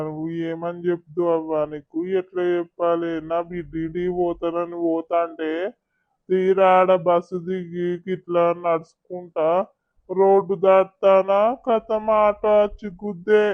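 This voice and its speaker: A hurried, lamenting village man, hit on the road, as a woman puts him on. The sound is tinny and phone-like, bone dry with no room around it. He talks quickly in a cartoon village comedy. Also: lowish voice, little pitch movement, no room sound, pitched below the performer's own voice, natural voice.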